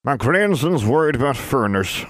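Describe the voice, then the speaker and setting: A man's voice: mid-range voice, sing-song, moderate pace, a bit bright, no echo, clean studio sound, voice pushed up. A man voicing a gossipy, grumbling old witch woman with rural folksy speech, in a storybook reading.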